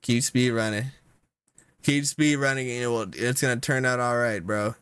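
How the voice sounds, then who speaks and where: A young man giving casual reaction commentary, slangy and exasperated, with sudden loud outbursts. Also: medium pitch, fairly even intonation, moderate pace, smooth, no room sound. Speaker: content creator.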